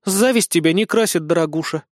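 A man's voice: fairly high pitch, a little fast, dry recording, clean studio sound, lightly acted. Man doing a proud indignant blonde girl. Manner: indignant, earnest. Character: proud blonde young girl, loyal defender.

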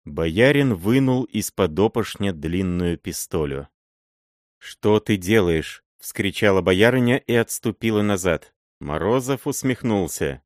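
Мужчина, размеренно и драматично читающий вслух исторический роман. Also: male voice, deep voice, lively intonation, no room sound, studio quality. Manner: measured, dramatic reading. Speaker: audiobook reader. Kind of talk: literary audiobook narration.

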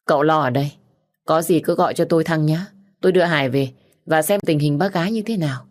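A composed male doctor explains himself in a steady, measured way in an audiobook, read by a woman. The voice is low-pitched and even. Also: lightly acted. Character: calm, firm male doctor. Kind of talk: audiobook character reading.

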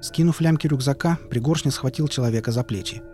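A man narrating an audiobook in a steady, even storytelling voice. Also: medium pitch, fast. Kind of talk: scripted narration. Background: music.

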